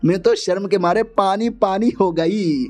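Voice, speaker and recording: Male narrator doing a shy, rambling young bride, high and mellow. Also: unhurried. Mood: grateful. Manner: nervous, self-mocking, rambling.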